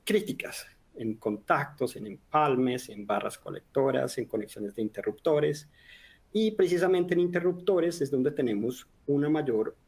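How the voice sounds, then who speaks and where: A man's voice: mid-range voice, a little mellow, husky. A man from Colombia, giving a technical webinar lecture in an explanatory way, lifting his voice on questions. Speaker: technical presenter.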